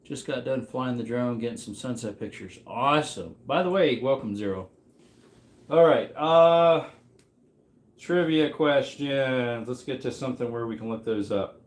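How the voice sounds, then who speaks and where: Man, mid-30s, casual stream host, mid-pitched, rambling chatter, echoey room. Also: measured pace. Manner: rambling, reacts to chat as he goes. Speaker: livestream host running trivia. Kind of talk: casual livestream chat.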